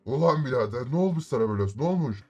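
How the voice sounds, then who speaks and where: A man voicing a gruff, hostile male guard in a game role-play, barking rough threats. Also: medium pitch, expressive, racing, pitched below the performer's own voice, natural voice.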